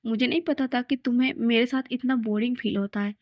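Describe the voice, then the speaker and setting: A woman's voice: on the high side, steady tone, a little fast, darkish tone, no room sound, clean studio sound, natural voice. A woman voicing a sulky, easily upset young man in a storybook reading, pouting and later teasing.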